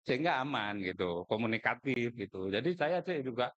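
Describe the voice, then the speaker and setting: A man's voice: medium pitch, expressive, normal speed, highs cut off. A middle-aged man from Madura, giving an informal, joking speech at a contest. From Madura, Indonesia. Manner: chatty, joking, colloquial asides.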